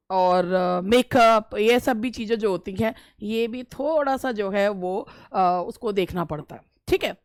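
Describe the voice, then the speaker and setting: A woman's voice: on the high side, no echo. A middle-aged woman from India, giving casual instructional advice as a teacher, repeating phrases and hesitating often. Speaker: English teacher giving interview tips.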